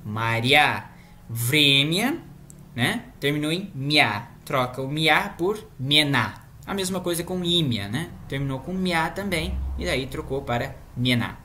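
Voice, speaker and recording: A woman's voice: sits low, lively intonation, takes it slowly, pushed and bright, slight background noise. A woman with a Brazilian Portuguese accent teaching a language lesson in a casual, chatty way, checking in with her students often.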